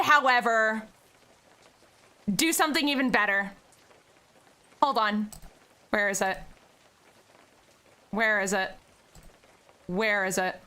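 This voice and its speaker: A young woman streaming, chatting casually and directly with her viewers. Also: medium pitch. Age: young adult. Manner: chatty, talks to chat directly, bursts into excited squeals. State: tearful with joy. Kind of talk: casual livestream chat.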